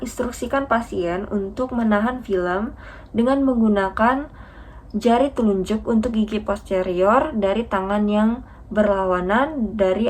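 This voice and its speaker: Speaking with a medium-pitched voice over slight background noise, a young adult woman demonstrates a radiography procedure as a dental student. Her step-by-step instructional explanation is polite, methodical, and formal.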